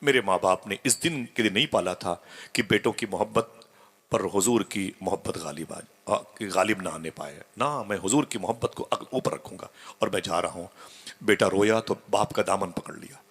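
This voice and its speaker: Deep gravelly-voiced man preaching. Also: normal speed. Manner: swells to loud peaks then drops to hushed tones. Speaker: Islamic preacher. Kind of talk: emotional sermon storytelling.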